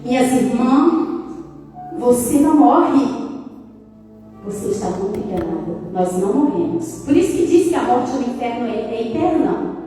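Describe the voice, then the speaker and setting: A woman's voice: fairly high pitch, sing-song, normal speed, dark tone. A woman preacher giving a fervent testimony sermon, telling her story dramatically and slipping into sung phrases. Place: large echoey church hall. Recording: echoey hall, distant mic, faint music.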